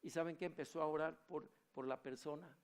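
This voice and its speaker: A man's voice: a little high, a little fast. A man preaching a sermon, telling stories and asking the congregation questions. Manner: animated, storytelling, asks the congregation questions. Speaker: pastor.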